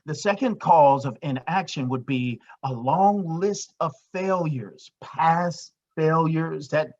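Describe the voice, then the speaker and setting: A man's voice: on the high side, takes it slowly, darkish tone. A man giving an emphatic motivational talk, repeating his points and using many fillers, in a dull lo-fi recording. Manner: emphatic and repetitive, with frequent fillers. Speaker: motivational speaker.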